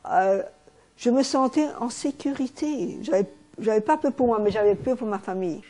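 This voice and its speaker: A woman's voice: a little high, moderate pace, dark tone. An older woman recalling feeling safe while hidden as a child, repeating key words. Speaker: interviewee, former hidden child. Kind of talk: recalled testimony.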